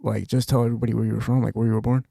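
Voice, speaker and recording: A man's voice: medium pitch, level tone, very fast, vocal fry, mellow, dry recording, studio quality. A man hosting a podcast, asking long, winding questions in a casual way. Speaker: podcast host. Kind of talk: casual interview.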